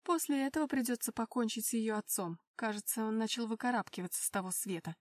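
A woman voicing a scheming middle-aged stepmother who speaks in a tense, forceful and hard way. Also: on the high side, quick pace, no room sound, lightly acted.

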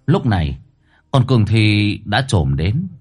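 A man's voice: unhurried, slightly rough. A man narrating a horror story dramatically. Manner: animated, swinging pitch for drama.

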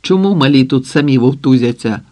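A man's voice: mid-range voice, animated, fairly quick, dark tone, lightly acted. A man voicing a stern, dry-witted mother of a big family, curt and sarcastic as she scolds.

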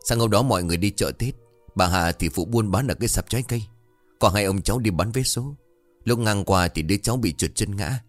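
A man's voice: on the low side, brisk, no echo, soft background music, close to an everyday voice. A man voicing a talkative villager eagerly retelling village news.

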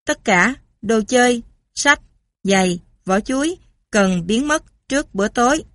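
A woman's voice: fairly high pitch, animated, a bit bright, dry recording. A woman voicing a robot that speaks in choppy, broken-up words. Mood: mechanical. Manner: choppy, halting delivery. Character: stiff household robot.

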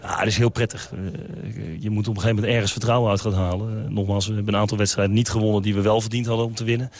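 A man, a football coach, answering questions after a match in a measured, reflective way with hesitations. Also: on the low side, flat delivery. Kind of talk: post-match interview.

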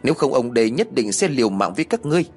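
A man voicing an enraged young man who shouts threats breathlessly in an audiobook. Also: medium pitch, big pitch swings, very fast, husky, faint music behind. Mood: furious.

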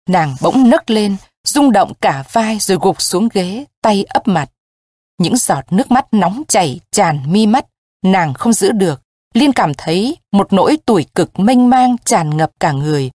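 A woman narrating a story in a slow, somber reading voice. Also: mid-range voice, warm tone, no echo, clean studio sound.

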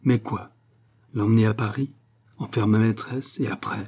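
A man reading a first-person literary short story aloud, in a measured, dramatic storytelling manner. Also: fairly low pitch, steady tone, a little mellow, breathy edge. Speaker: narrator.

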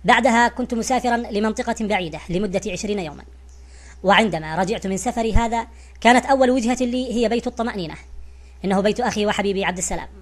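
Fast-reading woman narrator. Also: medium pitch. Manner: formal literary recitation. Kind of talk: scripted narration.

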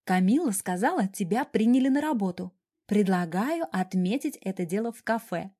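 A woman's voice: medium pitch, animated, normal speed, dark tone, lightly acted. A woman voicing a bubbly, nosy young female friend who talks in a chirpy, gossipy way. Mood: eager.

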